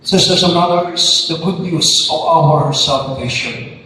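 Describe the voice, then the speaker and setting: A man with a Filipino accent, a priest leading a funeral mass in a measured, prayerful way, his voice carrying a cathedral echo. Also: on the high side, recorded from a distance, a little hiss or hum. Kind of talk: funeral mass liturgy and homily. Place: large church. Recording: echoey church hall from afar, soft music.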